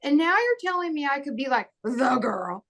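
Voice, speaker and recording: A woman in her thirties who was raised in Bahrain speaks as an actor on a panel with a high, creaky voice at a moderate pace. She laughs often and acts out the dialogue she quotes, staying lively and casual throughout.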